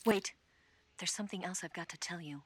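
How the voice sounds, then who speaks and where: With a lowish, natural voice and a brisk pace, an actress plays a female spy giving a radio-call briefing in a video game. She sounds cool, confident and urgent, assured and matter-of-fact, and the recording has no echo.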